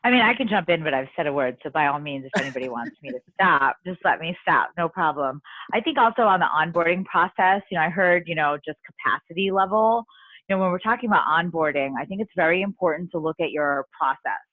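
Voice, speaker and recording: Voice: medium pitch, lively intonation, fast, dry recording. A participant in a video call discussion who explains points in an earnest way. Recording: tinny phone-like call audio, dry.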